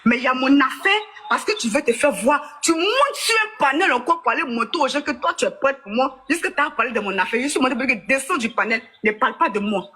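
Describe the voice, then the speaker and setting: A woman with a very high, sharp voice taunts someone with scorn on a live stream. She sounds confrontational throughout. A faint hiss of noise runs underneath. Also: animated, fairly quick, few pauses.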